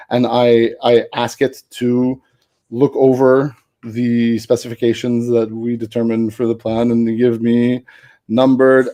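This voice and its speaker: On a casual tech chat, a male guest developer speaks in a dark mid-range voice. His talk wanders, he corrects himself mid-sentence, and he's quick to laugh.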